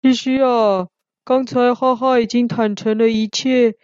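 A woman voicing a patient schoolteacher who speaks in a gentle, measured way. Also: fairly high pitch, steady tone, clear, resonant tone, no echo, muffled recording, natural voice. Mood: calm.

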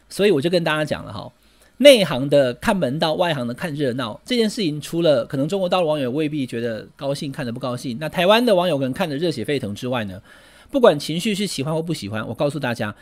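A middle-aged man with a Taiwanese Mandarin accent giving political commentary, emphatic and full of rhetorical questions. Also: fairly high pitch.

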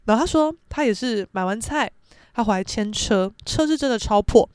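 Podcast host, young Taiwanese woman; high, animated, brash, swears freely, acts out every voice in her stories. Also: normal speed, clear, resonant tone, no echo, studio quality. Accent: Taiwanese Mandarin. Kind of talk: casual storytelling.

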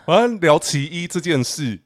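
A man with a Taiwanese Mandarin accent co-hosting a podcast, teasing and animated in casual chat. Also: moderate pace, no echo, clean studio sound. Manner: animated, teasing, jumps into a high pitch when joking. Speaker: podcast co-host.

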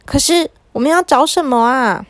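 A woman voicing two frightened little sisters in a children's story, shrill and anxious. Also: moderate pace, no echo, lightly acted. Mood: worried.

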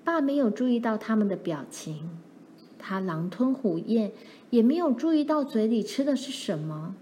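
A woman narrating a children's storybook in a gentle, even reading style. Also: on the high side, normal speed, slight background noise.

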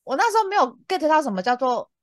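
A woman in her thirties, co-hosting a podcast, speaks fast in Taiwanese-accented Mandarin in a casual chat, telling stories in a lively, animated way. She sounds exasperated yet amused, laughs often and makes big pitch jumps. The recording is dry and clean, with studio sound.

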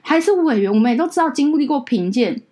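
A woman's voice: high voice, expressive, quick pace, warm tone. A woman with a Taiwanese Mandarin accent, hosting a podcast as a casual chat and telling an indignant story with acted-out quotes. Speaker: podcast host.

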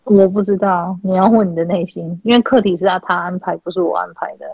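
A woman in her thirties hosting a casual online group chat from home, telling stories in an animated way and laughing often. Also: on the low side, quick pace, vocal fry, no room sound, dull audio. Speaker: host of online chat room.

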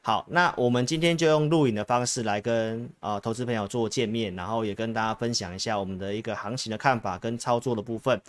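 A man's voice: mid-range voice, fast, hardly any pauses, no room sound. A man with a Taiwanese Mandarin accent presents stock market analysis as an advisory host. He speaks straight to his viewers, stressing and repeating key points. The sound is dry, with very little room in it. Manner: emphatic, repetitive, addresses viewers directly. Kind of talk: stock market commentary to camera.

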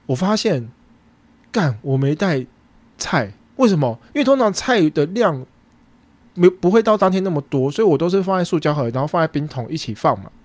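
A man with a Taiwanese Mandarin accent, hosting a podcast and casually retelling a story, acting out bits of dialogue with sudden jumps in pitch. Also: animated, fast talker, dry recording. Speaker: podcast host and food truck owner.

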